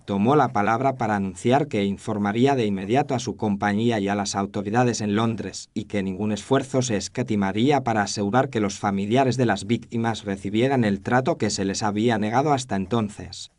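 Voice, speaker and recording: Guy as reflective victorian doctor telling his story, low voice, scripted narration. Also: brisk, hardly any pauses, a little mellow, close to an everyday voice. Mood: reflective, sombre. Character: reflective Victorian male doctor chronicling cases.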